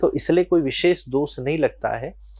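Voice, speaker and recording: A man, a spiritual teacher, calmly explaining devotional practice in an interview and telling short religious parables. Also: on the high side, dry recording. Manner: calm, unhurried, tells short religious parables.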